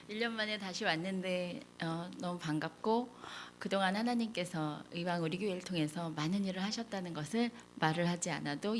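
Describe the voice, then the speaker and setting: A woman's voice: lowish voice, slight background noise. A middle-aged woman speaking as a lay seminar leader at a church, telling her story candidly and acting out the lines she once said. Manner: candid storytelling, acts out quoted lines, laughs at herself.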